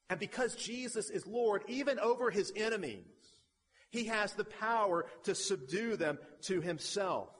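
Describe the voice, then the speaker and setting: A man's voice: a little high, a bit bright, breathy edge, big-room sound. A man preaching a sermon, emphatic, stacking parallel phrases and pressing his point with repetition. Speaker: pastor.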